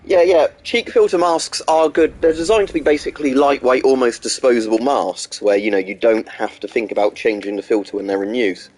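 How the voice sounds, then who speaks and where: This gaming streamer's medium-pitched, slightly mellow voice moves briskly with hardly any pauses. Though his throat is a bit sore and his nose blocked, he keeps up loose live commentary, fielding chat questions amid play and often stumbling over ums and restarts.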